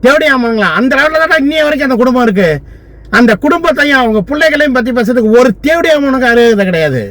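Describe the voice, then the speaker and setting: A man's voice: very high voice, expressive, fast, a bit bright. A man from Tamil Nadu, a lawyer, delivering a furious, abusive political rant full of insults.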